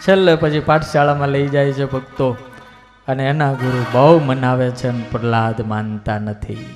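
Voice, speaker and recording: A man's voice: mid-range voice, fairly even intonation, normal speed. A man narrating a scripture story as a swami preacher, dramatic and storytelling, at a religious gathering. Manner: dramatic, storytelling with chant-like repeats. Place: large hall at a religious gathering. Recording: reverberant hall with faint music.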